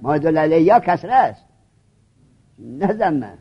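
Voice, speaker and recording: A man's voice: fairly high pitch, sing-song, breathy edge, lo-fi sound. A man teaching a grammar class, questioning his students and repeating points until they get them.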